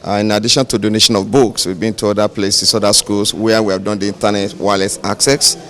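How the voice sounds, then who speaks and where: A man speaking as an official in an interview, deliberate and pausing often. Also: on the low side, level tone, a bit bright. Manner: deliberate, with many pauses. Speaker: regulator official. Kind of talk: interview statement.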